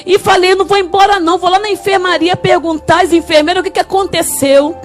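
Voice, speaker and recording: A woman with a Rio de Janeiro Brazilian accent preaching a fervent testimony sermon in church, rising to tearful shouts. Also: extremely high pitch, steady tone, fast, soft background music. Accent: Brazilian Portuguese, Rio de Janeiro. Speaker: guest preacher.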